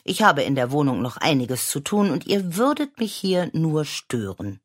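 A woman voicing a busy mother who gently teases her children in a children's story. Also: low-pitched, big pitch swings, normal speed, breathy edge, no room sound, studio quality, full character voice. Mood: firm. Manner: gently teasing. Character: busy mother, fond and wry.

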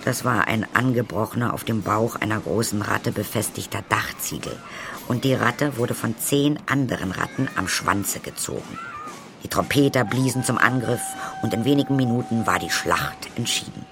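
A man narrating a children's audiobook in a lively way, speaking directly to the listeners. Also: mid-range voice, gravelly, noisy background. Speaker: storyteller.

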